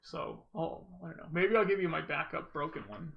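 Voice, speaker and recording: Male speedrun commentator, informal and rambling, forceful bright tone with vocal fry. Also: on the high side, animated, normal speed, a little hiss or hum. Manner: rambling, informal, self-interrupting storytelling. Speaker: gamer, speedrunner commentating own run. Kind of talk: casual gameplay commentary.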